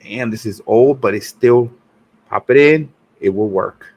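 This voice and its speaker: A man's voice: medium pitch, measured pace, darkish tone, dull audio. Easygoing man hosting a podcast. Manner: easygoing, chuckling, rambling restarts. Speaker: podcast host. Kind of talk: casual chat.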